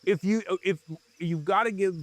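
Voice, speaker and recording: A man's voice: sits high, moderate pace, no echo. Rambling man asking long questions. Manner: rambling, self-interrupting questions. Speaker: podcast co-host. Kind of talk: casual film discussion.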